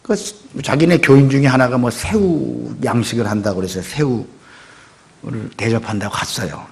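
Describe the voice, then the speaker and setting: A middle-aged man preaching a sermon as pastor, talking conversationally and acting out quotes with sudden loud outbursts. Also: medium pitch, normal speed, gravelly. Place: church sanctuary.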